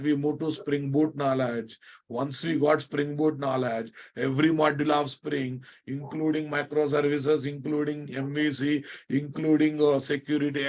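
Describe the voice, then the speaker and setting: Indian man teaching, slightly high-pitched voice. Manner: repeats phrases, checks in with listeners often. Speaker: programming instructor. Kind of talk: live online class lecture.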